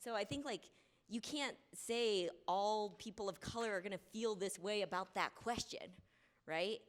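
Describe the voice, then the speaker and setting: A woman raised in the United States speaks on a college panel in a lecture hall, keeping it conversational and often checking in with "right?" Her voice is mid-range, and she talks at a normal speed.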